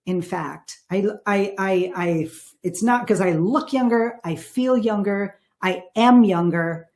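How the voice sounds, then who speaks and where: A woman's voice: medium pitch, darkish tone. A woman in her sixties, a podcast guest, talking earnestly and emphatically in a casual interview. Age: 60s. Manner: earnest and emphatic, repeating key words.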